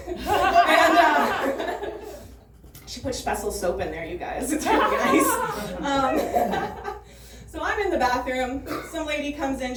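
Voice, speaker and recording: A woman performing a stand-up comedy set in a club, animated and profane, often laughing at her own jokes. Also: on the high side, a little hiss or hum. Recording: roomy club sound from a distance.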